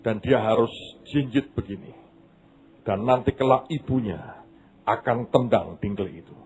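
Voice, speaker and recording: Male pastor, sermon storytelling, mid-pitched voice, dramatic, loud then hushed. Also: unhurried, a little hiss or hum.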